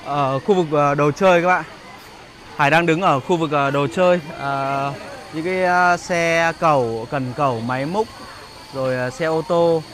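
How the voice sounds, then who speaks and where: A man with a slightly high, somewhat bright voice speaks at a moderate pace as a vlog host. Walking through a busy outdoor market and street, he gives casual, hesitant tour commentary, searching for words amid noisy market ambience.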